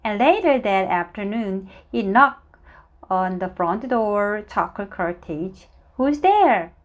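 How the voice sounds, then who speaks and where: A woman whose first language is Korean, reading a children's book aloud in a slow, expressive way, with small stumbles and friendly asides. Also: mid-range voice. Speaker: storybook reader.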